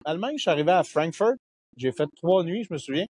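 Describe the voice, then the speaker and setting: Husky québécois guy telling stories. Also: fairly high pitch, fast. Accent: Québécois French. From Quebec. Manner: animated storyteller, acts out dialogue. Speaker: podcast guest. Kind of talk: casual chat, storytelling travel anecdotes.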